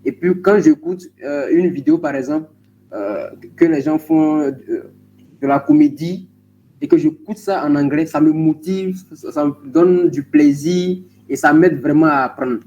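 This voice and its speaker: A man's voice: on the high side, moderate pace, mellow. A man in a group video call politely asking the coach a question, hesitant with many fillers. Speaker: coaching participant. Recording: dull call audio with faint noise.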